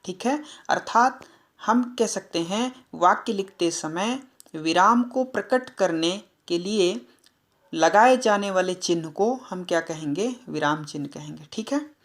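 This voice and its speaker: A woman teaching Hindi grammar in a classroom-style lesson, slow and deliberate, asking the class questions and answering them herself, often checking with "ठीक है ना". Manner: slow, deliberate, drops to a low, quiet voice for the answers.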